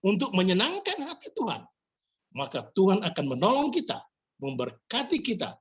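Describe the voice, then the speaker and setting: Husky, animated male preacher. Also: moderate pace. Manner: emphatic, sweeping pitch, rhetorical questions. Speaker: pastor. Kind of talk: sermon. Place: online church service.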